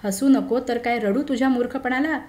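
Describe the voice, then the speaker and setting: A woman's voice: on the high side, brisk, a little mellow, natural voice. A woman voicing a charming, playful young bachelor who answers with carefree, laughing ease, in a story reading. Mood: amused. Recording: roomy echo.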